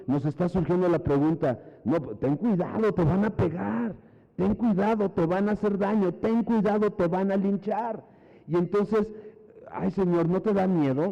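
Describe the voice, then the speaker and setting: A man's voice: fairly high pitch, warm tone. A man preaching a sermon, emphatic and repetitive, often asking the congregation if they follow him. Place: church hall. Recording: muffled church hall reverb.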